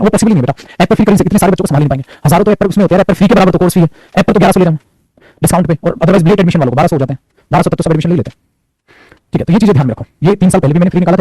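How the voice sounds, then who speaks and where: Fast-talking man teaching a live class. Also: a little high, warm tone, no echo. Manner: chatty, scolding, joking with students. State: sore neck. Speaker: online coaching teacher. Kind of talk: casual live class talk.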